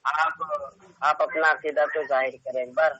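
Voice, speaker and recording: A man's voice: on the high side, little pitch movement, sharp tone, no room sound. A man calling into a debate by phone, evasive, turning each question back on the other side. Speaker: caller in a debate. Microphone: phone with headphones. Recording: muffled phone line.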